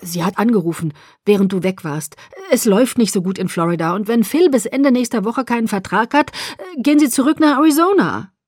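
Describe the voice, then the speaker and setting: A woman's voice: fairly high pitch, lively intonation, fairly quick, few pauses, a little mellow, dry recording, studio quality. A woman reading an audiobook, voicing a worried middle-aged father who stammers and pleads. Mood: hurried. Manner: stammering, anxious.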